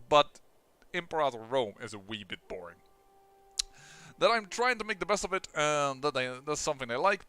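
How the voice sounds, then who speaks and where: A young Dutchman commentates his own strategy game playthrough as a let's play host, speaking quickly and excitably in a fairly high voice, often restarting sentences in his Dutch accent.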